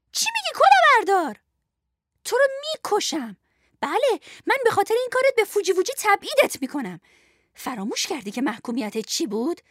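A shrill, spiteful woman boss wrapped in bandages, screeching orders in a rapid, very high voice that leaps all over. The voice is close and dry, with no room sound. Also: a bit bright, no room sound, heavily acted.

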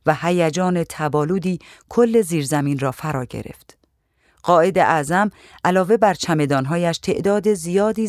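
A steady, measured narrator reading a first-person memoir aloud. The voice sits at a middling pitch and sounds close and dry, with no room around it. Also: no echo. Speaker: audiobook narrator.

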